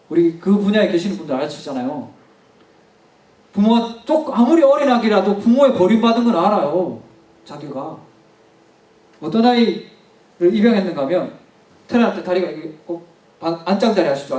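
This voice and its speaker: A man preaching to his congregation, retelling a story and repeating key words for weight. His voice sits high, and it rings through a roomy church hall. He sounds a little far from the microphone. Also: dark tone. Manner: storytelling, emphatic repetition, addresses the congregation directly. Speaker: pastor. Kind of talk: sermon. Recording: echoey hall, mic at a distance.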